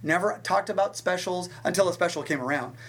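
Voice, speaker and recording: A man talking as a guest in a casual interview, telling stories from his working life in an animated way, with big swings in pitch and quick restarts. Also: heavy background noise. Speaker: fitness instructor and guest. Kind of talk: storytelling in a conversational interview.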